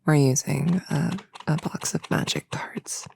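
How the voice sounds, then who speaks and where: A woman plays a friendly, slightly bumbling novice witch in a soft-spoken ASMR roleplay, murmuring in a low, creaky, breathy voice that often drops to a whisper. Her heavily acted delivery is unhurried, casual, musing and a little hesitant, with self-corrections, in a steady, dark tone. Slight background noise is present.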